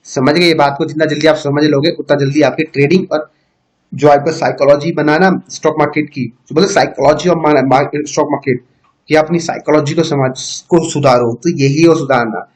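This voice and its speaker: Man, somewhat high voice, casual stock trading tutorial, talks directly to viewers, keeps saying okay. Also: fairly even intonation, a little fast. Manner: conversational, repeats "theek hai" often, addresses viewers directly. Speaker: stock market educator.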